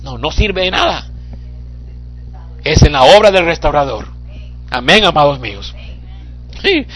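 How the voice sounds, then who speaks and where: A man preaching an impassioned sermon, shouting in bursts and then dropping low and quiet. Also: very animated, measured pace. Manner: emotional, admits getting carried away.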